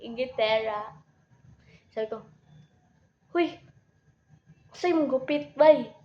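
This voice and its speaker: Woman vlogger: high, unhurried, rambling casual chat full of giggles. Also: muffled recording. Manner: giggly, rambling, mixes in English.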